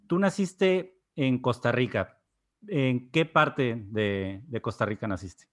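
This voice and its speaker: A man in the host's seat of a talk podcast, at a mid pitch. He asks short, casual questions and keeps the talk moving along. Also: animated, slow pace. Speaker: podcast host. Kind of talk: interview questions.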